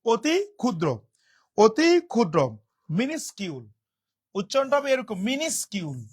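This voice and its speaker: Young male tutor, live class, drills words by chanting them on repeat, slow syllable-by-syllable spelling. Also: very high-pitched. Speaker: teacher.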